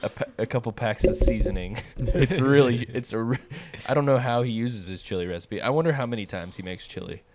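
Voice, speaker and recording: A young man co-hosting a podcast in casual chat, joking and laughing with halting restarts. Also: mid-range voice, darkish tone. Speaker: podcast co-host.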